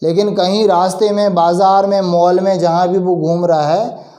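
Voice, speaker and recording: A man teaching a spoken English lesson for Hindi-medium learners, explaining patiently, asking the class questions and answering them himself, and reading English phrases out slowly and deliberately. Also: high voice, flat delivery, warm tone, reverberant.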